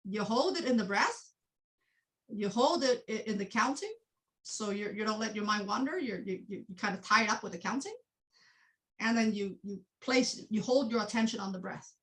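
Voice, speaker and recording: Bright high-voiced woman teaching meditation. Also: rough recording. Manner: animated, laughs often, repeats and restarts. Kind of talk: classroom teaching.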